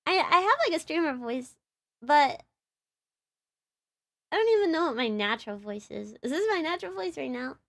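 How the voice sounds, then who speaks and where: A woman's voice: sits high, animated, moderate pace, gravelly, pauses often, a bit bright. A young woman with a Texan accent, chatting casually on a live stream in a bubbly, giggly, rambling way. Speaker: livestreamer and VTuber.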